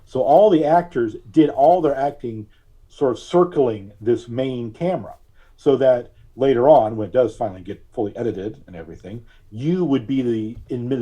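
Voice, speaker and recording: Being interviewed about his work as a filmmaker, a man recounts stories in a chatty, explanatory manner, pausing at length. His medium-pitched voice is warm and husky.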